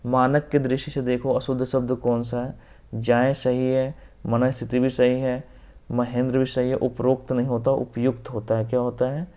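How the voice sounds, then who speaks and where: A man with a North Indian Hindi accent teaching exam-prep grammar in a steady, flat delivery. His voice is dark and mellow, and he works through each question methodically, repeating the answers. His phrases often trail off softly at the end. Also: medium pitch, normal speed. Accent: Hindi-speaking North Indian. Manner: explains step by step, repeats answers, often says "ok".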